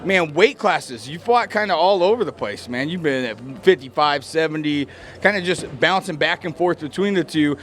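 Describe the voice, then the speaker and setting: A man's voice: on the high side, animated, normal speed, a bit bright, slight background noise. A man doing a casual sports interview in an informal, chummy way. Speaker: interviewer, former fighter.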